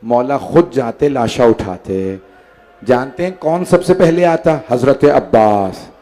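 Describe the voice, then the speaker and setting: A Shia cleric recites a Muharram majlis in a large gathering hall, preaching an impassioned mourning sermon. His medium-pitched, expressive, slow voice swings between loud declaiming and a hushed lament as he tells the story and acts out quoted speakers.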